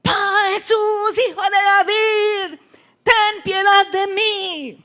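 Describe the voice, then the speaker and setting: A woman voicing a desperate blind beggar man who cries out for mercy in a high, strained, pleading voice. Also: fairly even intonation, extremely slow, bright, forceful tone, full character voice. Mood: pleading shout.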